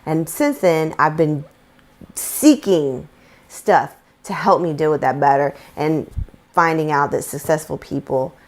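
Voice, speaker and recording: A woman with a low voice talks openly in a casual conversation. She is reflective and halting, often pausing and restarting her sentences. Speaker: guest.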